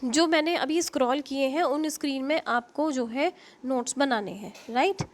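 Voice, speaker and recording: A woman's voice: high voice, moderate pace. An Indian woman teaching an online linguistics lecture, explaining terms with frequent fillers, self-corrections and checks like "okay?".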